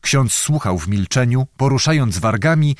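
Measured male audiobook narrator, dry sound. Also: medium pitch, animated, dry recording. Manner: measured dramatic storytelling. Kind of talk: scripted narration.

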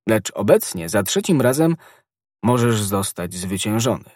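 A man voicing a refined, self-assured poet musketeer in an audiobook, speaking gently and slowly with stress on each phrase. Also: on the low side, very animated, dry recording, clean studio sound. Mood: reading aloud. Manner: gentle, measured, emphatic reading.

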